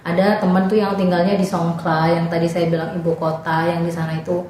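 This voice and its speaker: A woman's voice: fairly low pitch, flat delivery, fairly quick, darkish tone. A young woman, a volunteer teacher, telling her experiences in a casual, chatty podcast interview. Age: young adult. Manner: chatty, many fillers, acts out students' voices. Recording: very echoey room with faint noise.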